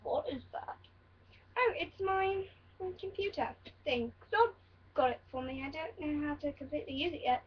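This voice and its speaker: Bratty demon boy done by a girl in a put-on british accent, high voice, muffled webcam sound. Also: moderate pace, close to an everyday voice. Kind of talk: cosplay role-play vlog.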